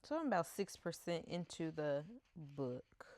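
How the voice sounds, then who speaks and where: Chatty woman with a smooth low voice. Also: very animated, measured pace, a little mellow. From United States. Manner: chatty, laughs often, stumbles over names. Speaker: book vlogger. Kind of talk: casual chat. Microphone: camera mic.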